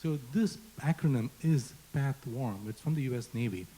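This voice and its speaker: Man, Indian accent, panel moderator, earnest, rhetorical questions, warm tone, slightly husky. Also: mid-range voice, lively intonation, moderate pace, rough recording. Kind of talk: panel discussion.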